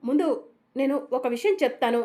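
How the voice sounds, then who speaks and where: A woman's voice: high voice, animated, fairly quick, mellow. A woman reading a scheming young man.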